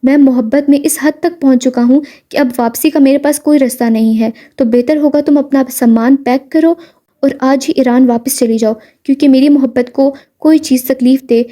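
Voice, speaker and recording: A woman's voice: sits high, warm tone, natural voice. A woman voicing a young man who speaks sternly and bluntly. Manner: stern, firm and direct.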